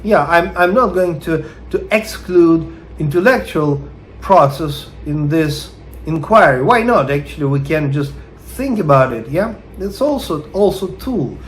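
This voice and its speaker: A man's voice: on the high side, animated, a little hiss or hum. A man with a Russian accent and Russian as his first language, giving a spiritual talk that reads out quotes and explains them, hesitant and full of fillers. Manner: hesitant, many fillers, unhurried. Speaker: spiritual teacher.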